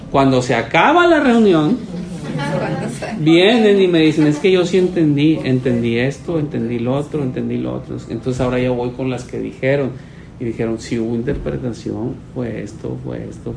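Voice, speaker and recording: A man, a pastor teaching his church in a relaxed, storytelling way. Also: a little high, vocal fry, a little hiss or hum, low-quality recording. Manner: conversational, storytelling, voices quoted people.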